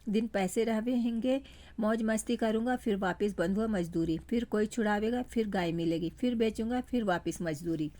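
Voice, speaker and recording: A scoffing young village man, once a bonded labourer, who jeers and defies the officials around him, as a woman reads his lines aloud. His voice sits at an everyday middle pitch, and his delivery is sardonic and defiant. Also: normal speed, dark tone, lightly acted. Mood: mocking.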